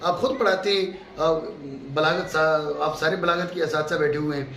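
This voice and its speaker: A man's voice: fairly high pitch, steady tone, a bit bright. A middle-aged man from Pakistan giving a classroom lecture as a religious teacher, emphatic, repeating key terms and checking in with his students. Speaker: mufti teaching a course. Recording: echoey room with faint background hum.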